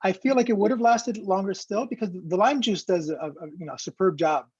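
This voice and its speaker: Raised in Ecuador, this cooking instructor runs an online class over a video call, rambling loosely and using lots of fillers. His voice is high, husky and a little mellow, and he talks a bit fast. There's no echo, but the call audio is dull and lo-fi.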